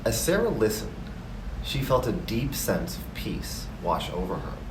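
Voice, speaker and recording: A man narrating a scripted story slowly, in a calm, gentle and measured manner. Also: fairly low pitch, reverberant, far from the mic, noisy background.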